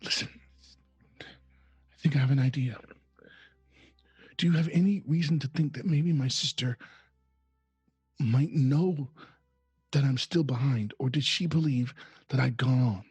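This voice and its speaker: A man voicing a frightened young woman held captive in a tabletop game, talking in an anxious, hurried way. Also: mid-range voice, darkish tone, slightly rough, dry recording, soft background music.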